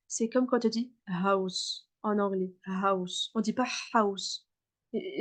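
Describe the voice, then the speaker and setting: A woman's voice: medium pitch, a little mellow. A woman teaching a beginner class, patiently repeating and demonstrating letter sounds. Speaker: Arabic teacher.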